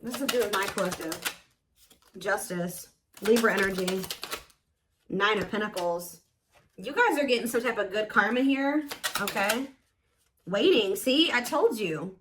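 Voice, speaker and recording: The woman speaks at medium pitch, expressively and a little slowly, pausing often while background noise runs beneath. As a tarot reader hosting for viewers, she gives an intuitive, casual reading, emphatic and conversational, with repetition for emphasis.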